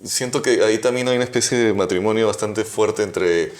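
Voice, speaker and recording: Low-voiced man, musing and hedging. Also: brisk. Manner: thoughtful, hedging, many restarts and tag questions. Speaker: guest guitarist. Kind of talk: casual interview chat.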